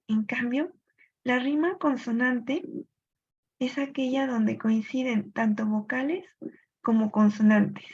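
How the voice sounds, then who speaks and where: A woman teaching a recorded literature lesson, explaining step by step and pausing to think aloud for examples. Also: fairly high pitch, a little mellow. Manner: clear explanatory pace with thinking-aloud pauses. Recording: dull lo-fi recording.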